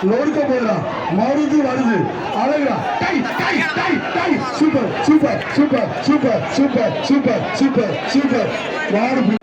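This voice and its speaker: A very high-voiced man calls out a bull-taming contest through a loudspeaker, excitedly shouting the same cheers over and over. His voice booms and echoes from far off over a roaring outdoor crowd. The sound is dull and muffled. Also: slow pace. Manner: excited, calling out repeated cheers. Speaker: event announcer. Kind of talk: live bull-taming commentary. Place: outdoor village festival arena. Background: loud crowd and noise.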